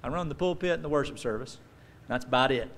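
There's slight background noise as a pastor in his forties preaches quickly in a mid-range voice. Standing at a lectern with a stand mic on a church stage backed by a dark curtain, he tells stories animatedly, acting out the voices of the people he quotes.

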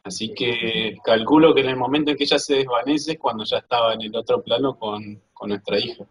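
A man's voice: mid-range voice, brisk, slightly rough, rough recording. A man with a Rioplatense accent, chatting casually and matter-of-factly beside his wife. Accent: Rioplatense Spanish. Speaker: client joining with his wife. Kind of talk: casual chat.

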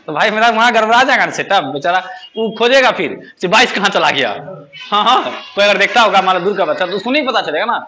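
A young male teacher with a Bihari Hindi accent, chatting with his class in a loose, teasing way. His voice sits high and sounds bright, and his pitch leaps around a lot as he jokes. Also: expressive, fast, few pauses, a little hiss or hum. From Bihar, India. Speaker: spoken English teacher. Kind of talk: casual classroom chat.

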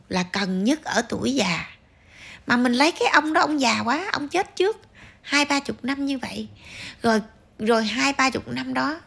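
A woman's voice: on the high side, vocal fry, a bit bright, breathy edge. A woman ranting to her viewers in a scolding, emphatic way, full of rhetorical questions. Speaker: vlogger commentator.

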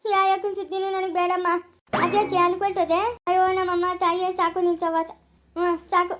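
A woman playing a quarrelsome, sharp-tongued village woman in a rural family drama. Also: very high voice, flat delivery, fairly quick, background noise. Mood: scolding.

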